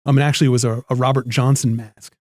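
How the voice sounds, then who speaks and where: Mellow-voiced man telling lively stories. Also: medium pitch, quick pace, no room sound, clean studio sound. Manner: animated anecdotes with quoted voices and laughs, many restarts. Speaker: guest, noh theatre performer. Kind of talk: casual interview storytelling.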